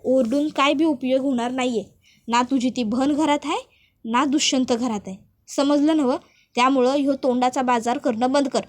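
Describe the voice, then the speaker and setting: A woman voicing a brash, bullying young village man who talks in a rough rural dialect and taunts. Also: high voice, steady tone, moderate pace, close to an everyday voice. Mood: menacing.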